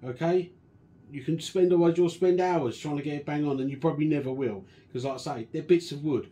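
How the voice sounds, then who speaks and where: Husky man explaining guitar repairs. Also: on the high side, brisk. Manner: chatty, relaxed, explains step by step. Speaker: guitar restorer. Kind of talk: casual workshop demonstration.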